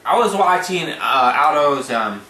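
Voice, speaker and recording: A man's voice: on the high side, very animated, unhurried, pushed and bright. A man co-hosting a podcast, blunt and swearing a lot, dragging out his complaints. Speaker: podcast co-host. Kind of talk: casual chat. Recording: echoey room, faint noise.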